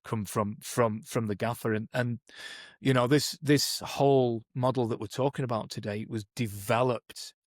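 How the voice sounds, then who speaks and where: Medium-pitched and steady, this man talks at a moderate pace in a dry, studio-quality recording. He co-hosts a podcast as a performance coach, and as a native English speaker explains coaching methods thoughtfully and conversationally, often restarting and saying "you know."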